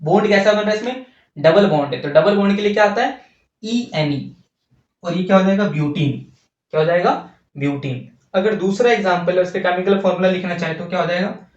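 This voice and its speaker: At the board, a male teacher with a high-pitched voice works through a chemistry lesson without hurrying, asking the class questions and then answering them himself. He sounds distant from the mic in a large, echoing room, and the recording is dull and lo-fi.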